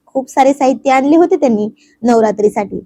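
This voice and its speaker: Breathy woman reading a romantic story. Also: sits high, brisk, dark tone, rough recording.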